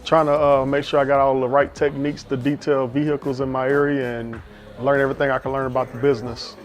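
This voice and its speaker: A man from Louisiana talks fast in a flat, even tone, plain and matter-of-fact. Faint music plays under him. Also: medium pitch. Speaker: seminar student. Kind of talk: testimonial interview.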